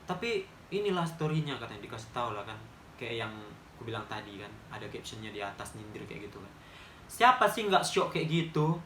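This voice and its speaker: A man's voice: lowish voice, animated, fairly quick, noisy background. A young man in his twenties with a Medan accent, telling a story to camera in a chatty, emphatic way. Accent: Medan Indonesian. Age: 20s. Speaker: vlogger. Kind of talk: casual storytime monologue. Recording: roomy echo.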